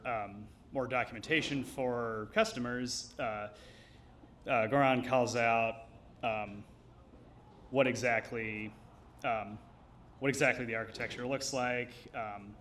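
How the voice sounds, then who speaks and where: A man giving a live technical demo, explaining it in a hesitant, measured way. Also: mid-range voice, fairly even intonation, fairly bright tone, slight background noise. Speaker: engineer presenting a demo.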